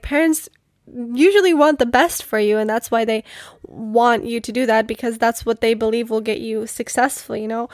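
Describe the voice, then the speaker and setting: A young woman from the Czech Republic, speaking English as a second language, hosts a casual solo podcast. Her voice sits a little high and the recording is dry with no room sound. She talks earnestly and chattily, full of "like" and "you know". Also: no echo. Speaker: podcast host.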